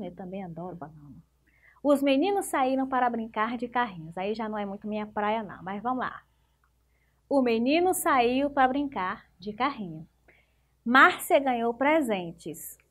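A Brazilian woman teaching young children, her voice set a little high. She speaks very slowly and deliberately, stretching out words and praising answers as she corrects the worksheet. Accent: Brazilian Portuguese. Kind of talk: primary school lesson correcting exercises.

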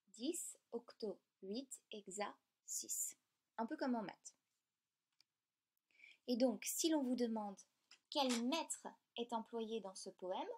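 A woman teaching a lesson in a clear, patient, step-by-step way. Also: a little high, a little mellow. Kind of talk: explanatory lesson.

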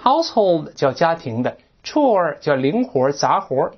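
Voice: medium pitch, moderate pace, slightly rough. An English teacher a burr on word endings. They give a lecture on textbook vocabulary, explaining step by step and putting questions to the class. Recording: dull lo-fi recording.

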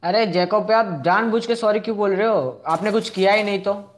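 A young man streams a game live in a relaxed way, speaking briskly in a high-pitched voice. He's talkative, answering each viewer's chat message in turn, repeating himself and urging viewers to leave likes.

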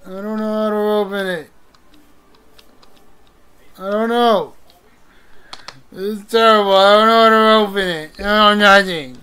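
A woman's voice: medium pitch, steady tone, a little slow, long pauses, fairly bright tone. A woman hosting a let's play, narrating her own moves with panicky yelps when chased. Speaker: gaming channel host.

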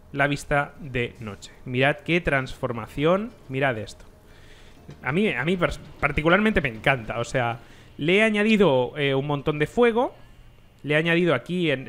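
Chatty man narrating gameplay. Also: a little high. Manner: relaxed, explanatory, with frequent fillers and restarts. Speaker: gameplay commentator. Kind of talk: casual gameplay walkthrough.

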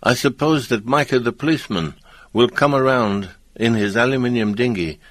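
A man's voice: mid-range voice, normal speed, fairly bright tone, no room sound, close to an everyday voice. A man voicing an older island grandmother in a storybook reading. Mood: earnest.

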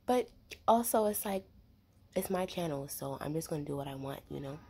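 A young woman rambling in a soft, half-whispered ASMR voice while chewing gum, with lots of fillers, close to the mic. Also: low-pitched, animated, a little fast, breathy edge. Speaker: ASMR creator.

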